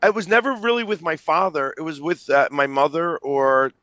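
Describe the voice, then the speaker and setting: Man in his fifties, from the philadelphia area, guest storyteller, animated, bright tense voice. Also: fairly high pitch, moderate pace, no echo, lo-fi sound. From Philadelphia area, USA. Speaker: interview guest. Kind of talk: casual storytelling in interview.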